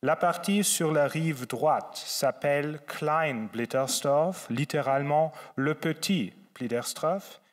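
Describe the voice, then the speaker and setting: A man with a German accent from Saarland gives a formal, measured academic lecture as a guest theologian. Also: fairly high pitch. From Saarland, Germany, on the French border. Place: large lecture hall at a faculty. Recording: echoey hall with long reverb.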